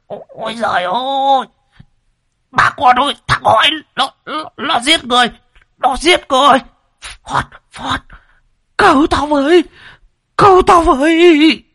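A man voicing a terrified old man who wails and stammers in a shrill voice. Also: measured pace, long pauses, sharp tone, heavily acted. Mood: panicked shrieking.

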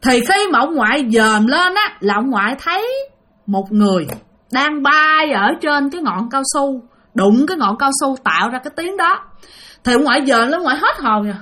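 A woman's voice: sits high, animated, moderate pace, bright, forceful tone. A woman telling a ghost story in a chatty way and speaking directly to her listeners. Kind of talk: spoken ghost-story narration.

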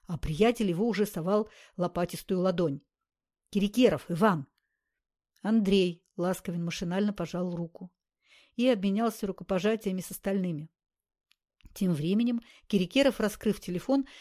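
A woman reading a crime audiobook aloud in a steady narrating voice. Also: mid-range voice. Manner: steady storytelling. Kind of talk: scripted narration.

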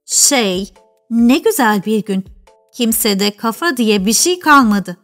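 A nervous storybook rabbit that keeps its voice low and fearful, as if afraid of being overheard, voiced by a woman reader. Soft music runs faintly beneath. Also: lively intonation, moderate pace, husky, full character voice. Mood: timid, hushed. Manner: timid, hushed whisper. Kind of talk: storybook reading.

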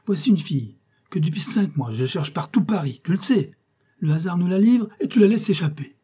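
A man voicing an irascible, scheming older male employment agent who switches between smooth courtesy and temper. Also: high-pitched, animated, fairly quick, dark tone, voice pushed up. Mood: angry. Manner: shifts from bland courtesy to bursts of temper.

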